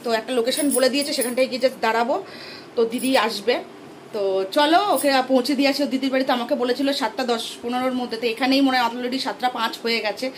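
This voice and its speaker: A woman's voice: fairly high pitch, fairly even intonation, racing, a little hiss or hum, low-quality recording. A woman vlogging her day as a mother, talking straight to her viewers in a chatty, casual way. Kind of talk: casual daily vlog narration. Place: outdoors on the street, then at home.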